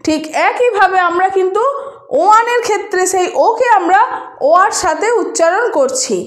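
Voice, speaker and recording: A woman's voice: very high-pitched, normal speed, reverberant. A woman teacher patiently explaining a grammar lesson to students, often asking them questions. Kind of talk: spoken Bengali grammar lesson.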